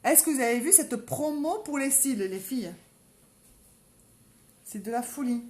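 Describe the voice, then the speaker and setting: A woman's voice: high voice, animated, a little slow, darkish tone. Woman, southern French accent, live makeup tutorial, chatty, talks straight to viewers, echoey room. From south of France. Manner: chatty, keeps calling out to viewers. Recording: roomy echo, faint background ambience.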